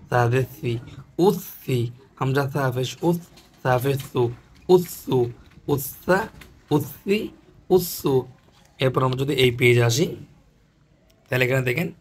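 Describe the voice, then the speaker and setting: A man runs an online Quran reading class. He spells out Arabic letter sounds one by one in a patient, sing-song drill. He repeats each syllable pair again and again at a steady pitch.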